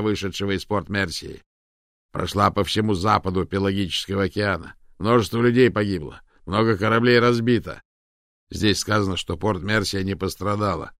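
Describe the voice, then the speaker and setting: A man reading a suspicious sea captain, dry wit, low gravelly voice, storybook. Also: a bit bright, dry recording. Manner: suspicious, dryly ironic.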